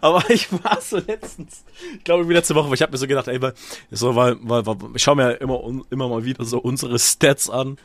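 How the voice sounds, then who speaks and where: A man's voice: mid-range voice, fairly quick, hardly any pauses, no echo. A young man co-hosting a casual podcast, rambling and stumbling over words. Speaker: podcast co-host. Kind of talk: casual chat.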